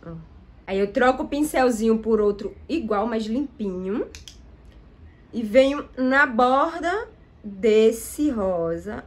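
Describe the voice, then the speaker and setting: Woman, Brazilian accent, higher voice, chatty, enthusiastic, makeup tutorial. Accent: Brazilian Portuguese. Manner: chatty and enthusiastic, addresses viewers directly. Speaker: makeup vlogger. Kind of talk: makeup tutorial and product review.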